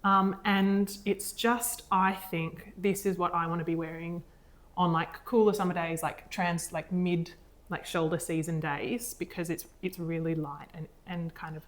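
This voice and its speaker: A young Australian woman with a lowish, fairly even, unhurried voice co-hosts a knitting podcast. In casual chat she talks enthusiastically and rambles, restarting often.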